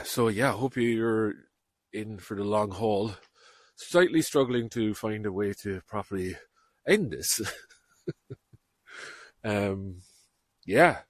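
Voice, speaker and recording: A man's voice: on the low side, no room sound, studio quality. A man hosting a podcast, giving a chatty, rambling and self-deprecating outro while out on a walk. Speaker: podcast host. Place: outdoors on a walk.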